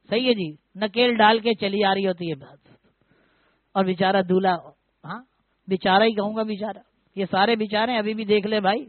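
A man's voice: high voice, no echo. A man preaching a humorous sermon, telling stories and keeping up banter with his listeners. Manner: joking, storytelling, keeps addressing listeners as brother. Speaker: preacher who performs weddings. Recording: tinny phone-like, dry sound.

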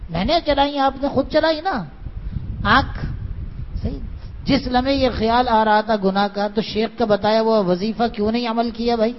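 A man's voice: very high-pitched, steady tone. A man giving a sermon to students, pressing them with rhetorical questions, quoting his spiritual guide, and raising his voice at times for emphasis. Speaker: religious teacher addressing students. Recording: dull lo-fi recording with faint background hiss.

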